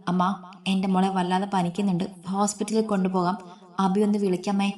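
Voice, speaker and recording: A woman's voice: medium pitch, level tone, brisk, warm tone, natural voice. A woman voicing an anxious young mother who speaks tenderly and pleads through tears. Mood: tearful.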